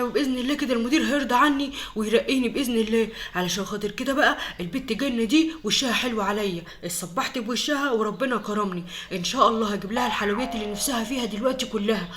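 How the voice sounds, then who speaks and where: A harried Egyptian father who rattles off his words at top speed, played by a woman, from a cartoon family skit. The voice is bright and sits a little high. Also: lightly acted. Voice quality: rapid-fire chatter. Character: busy hardworking father, pious and impatient.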